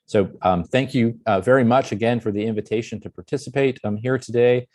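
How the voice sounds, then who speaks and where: A man giving conference remarks as an invited speaker, in a hesitant, halting way. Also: medium pitch, a little mellow, no room sound.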